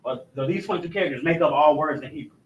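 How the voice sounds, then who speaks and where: A class instructor, a man, leads a recorded language lesson at a very fast clip, his manner casual and repetitive, and he often drops his voice to add "you know what I'm saying." He calls out letters loudly with a rising pitch. The audio is dull, with slight background noise.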